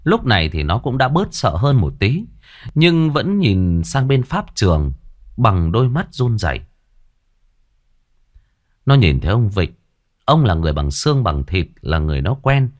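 A man's voice: mid-range voice, a little slow. Man telling a ghost story. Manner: lively, colloquial storytelling.

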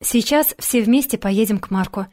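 A woman voicing a hot-tempered, stern man who is both a boss and a father, calling out loudly in an audiobook. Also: fairly high pitch, moderate pace, natural voice. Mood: dry. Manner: loud shouting calls.

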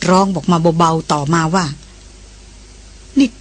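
An audiobook narrator reading a novel in a measured, unhurried way, with a husky voice. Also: mid-range voice, fairly even intonation. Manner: measured and unhurried, with drawn-out phrases.

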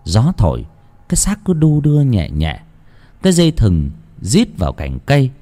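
A man's voice: medium pitch, huge pitch swings, moderate pace, warm tone. A man narrating a ghost story in a theatrical, suspenseful style. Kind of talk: dramatic horror story narration. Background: faint music.

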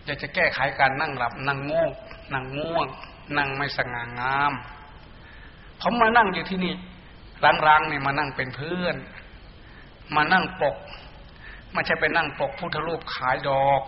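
Blunt monk in an echoey hall. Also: male voice, a little high. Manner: blunt, colloquial, scolding at times; chants Pali verses. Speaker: Buddhist monk teacher. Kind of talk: meditation dharma talk. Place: hall with monks and laypeople. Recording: muffled echoey hall recording, faint hiss.

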